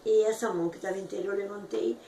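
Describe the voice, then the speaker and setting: A woman giving an emotional, fervent personal testimony, her voice jumping high at the peaks. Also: steady tone, fast, warm tone. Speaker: testimony giver. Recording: echoey room from far off with faint noise.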